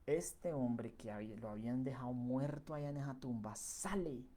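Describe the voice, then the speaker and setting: A man's voice: medium pitch, normal speed, warm tone. A man giving a Bible reflection in a conversational way, with many fillers and tag questions. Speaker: preacher.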